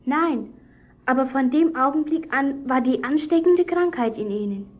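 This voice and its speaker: A woman's voice: sits high, moderate pace, dull audio, natural voice. A woman acting a young girl in a children's radio play, earnestly retelling a Bible story to a boy.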